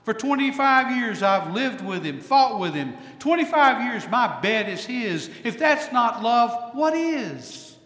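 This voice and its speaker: Casting: a man reading a tired, practical farm wife, high and slow, echoey hall. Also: sing-song, fairly bright tone, exaggerated voice. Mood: exasperated. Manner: sighing, exasperated. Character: weary middle-aged farm wife, dry and practical.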